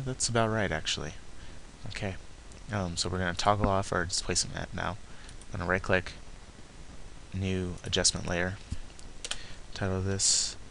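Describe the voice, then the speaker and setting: A man narrating a software tutorial step by step, haltingly talking through each action as he does it. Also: sits low, vocal fry, slight background noise, low-quality recording. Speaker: tutorial presenter.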